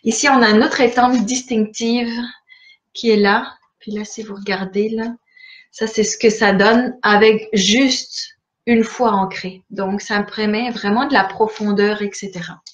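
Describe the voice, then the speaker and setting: A woman's voice: mid-range voice, fairly even intonation, a little slow. A woman chatting casually through a catalogue, hesitant and full of fillers. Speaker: stamping-supplies demonstrator. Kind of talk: casual catalogue walkthrough for viewers.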